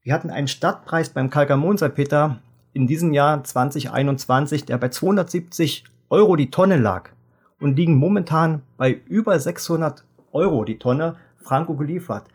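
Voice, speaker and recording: A man in his fifties, a fertilizer sales expert, explaining market history in measured detail in a podcast interview. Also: a little high, a little mellow, breathy edge. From Germany. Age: 50s.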